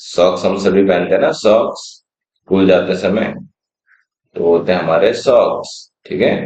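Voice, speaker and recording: Deep slow-talking male teacher. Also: a little mellow. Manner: spells words out slowly letter by letter, then gives the Hindi meaning; patient, checks in often with "theek hai". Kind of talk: phonics lesson for children. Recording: roomy, slightly dull sound.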